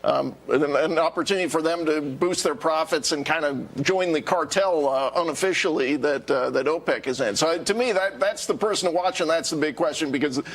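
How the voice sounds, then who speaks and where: A man giving halting economic commentary as a panelist. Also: on the high side, fairly bright tone, breathy edge. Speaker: news panelist.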